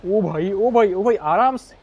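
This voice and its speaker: A young man giving casual, chatty gameplay commentary, full of excited exclamations. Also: high voice, unhurried, breathy edge, highs cut off. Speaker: gaming YouTuber.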